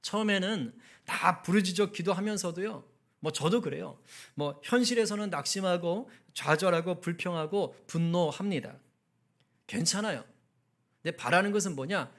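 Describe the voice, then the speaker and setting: A man's voice: sits high, normal speed, a bit bright. A male pastor giving a conversational sermon at a prayer meeting, asking the congregation questions and acting out angry outbursts. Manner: acts out angry outbursts in quoted speech.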